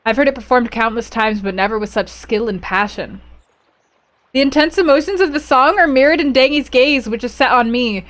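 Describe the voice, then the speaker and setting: A woman's voice: on the high side, brisk, a bit bright. A woman streaming a strategy game live. She reads the event text aloud, reacts with playful exclamations and talks to her chat.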